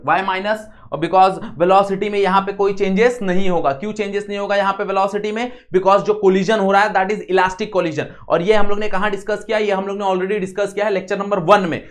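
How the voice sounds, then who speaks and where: A young man with an Indian accent giving a physics lesson, going slowly step by step and often asking the class yes or no. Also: sits high. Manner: repeats steps, quizzes students often. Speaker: physics teacher. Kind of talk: classroom lecture.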